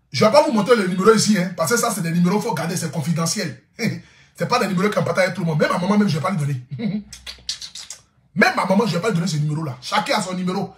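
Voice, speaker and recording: A man's voice: sits high, a bit bright, echoey room. A man telling a comic vlog story, boisterous, laughing often and repeating his phrases. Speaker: social media influencer. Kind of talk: casual comic vlog monologue.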